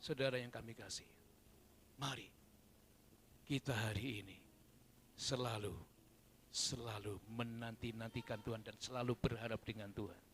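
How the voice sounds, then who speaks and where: A man preaching a sermon at a church service, dropping to soft murmurs and rising to loud fervent shouts. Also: on the low side, fairly even intonation, normal speed, pauses often, a little hiss or hum. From Indonesia. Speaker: pastor.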